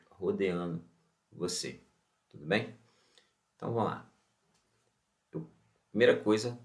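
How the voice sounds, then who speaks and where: Brazilian man, online science teacher, lowish voice, keeps quizzing the viewer. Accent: Brazilian Portuguese. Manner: animated, asks rhetorical questions and answers them; opens with a Bible verse and blessing. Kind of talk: online lesson.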